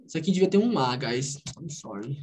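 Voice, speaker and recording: A woman teaching an English conversation class over a video call, explaining phrases and repeating English examples slowly. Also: deep voice, lively intonation, darkish tone.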